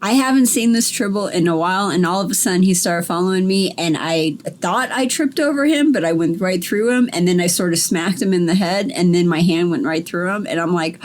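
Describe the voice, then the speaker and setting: A woman's voice: on the low side, fairly quick, few pauses. A woman co-hosting a casual comedy podcast, telling stories animatedly. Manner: animated storytelling. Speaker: podcast co-host. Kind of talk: casual comedic chat in character.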